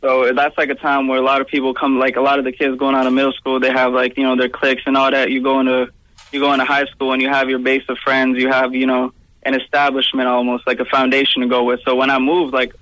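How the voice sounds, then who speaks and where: Here the same kind of guest, a young Pakistan-born musician who grew up in Virginia and around Toronto, talks quickly and completely flat in a mid-range, fairly bright voice. He fields interview questions casually, filling gaps with "like" and "you know what I'm saying." The audio is dry and dull.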